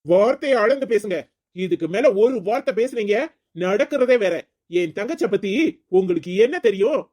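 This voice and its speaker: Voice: mid-range voice, lively intonation, moderate pace, a little mellow, lightly acted. A performer voicing a principled, indignant young brother-in-law in a cartoon story, lecturing firmly. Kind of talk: cartoon voice acting.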